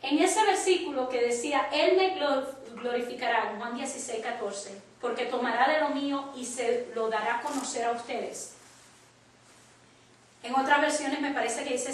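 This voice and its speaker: A woman preacher with a high voice leads a church class, speaking emphatically and acting out the people in her story. Her voice carries from a distance in a strongly echoing church hall. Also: a little hiss or hum. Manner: emphatic, storytelling with quoted dialogue. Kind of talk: Spanish church teaching. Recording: echoey church from far off.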